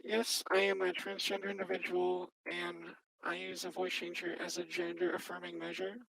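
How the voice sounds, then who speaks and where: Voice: medium pitch, monotone, moderate pace, vocal fry, a bit bright, a little hiss or hum, poor audio. A person speaking through a voice changer, testifying defensively as the accused in a game-server mock trial. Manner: defensive, self-justifying.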